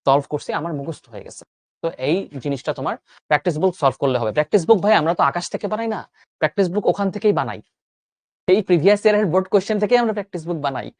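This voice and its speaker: A man's voice: on the high side, no room sound. A young man teaches an online grammar lesson, asking questions and answering them himself. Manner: lively, coaxing, asks and answers own questions. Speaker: admission exam tutor.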